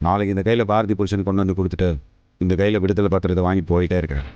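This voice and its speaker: A man's voice: sits low, steady tone, very fast, a little mellow, clean tone, lo-fi sound, natural voice. An actor playing a cocky man who teases and gloats at his wife in a TV serial. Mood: gloating. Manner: boastful, teasing, smug. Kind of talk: TV serial acting.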